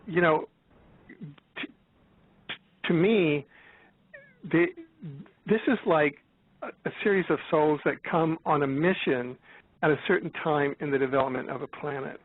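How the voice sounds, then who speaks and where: Man in his seventies, slightly higher voice, halting with restarts, phone-line sound. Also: dry recording. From United States. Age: 70s. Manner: halting, many restarts and fillers. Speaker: guest. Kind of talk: casual chat.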